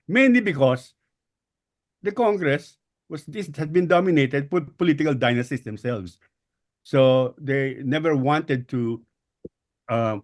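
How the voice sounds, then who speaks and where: A man with a Filipino accent gives an explanatory talk as a guest speaker, often pausing and repeating words. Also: medium pitch. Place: online group call.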